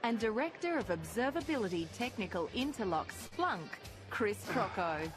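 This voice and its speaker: A woman's voice: medium pitch, big pitch swings, normal speed. A woman making a formal, emphatic stage announcement to introduce speakers at an event. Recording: loud music behind announcement.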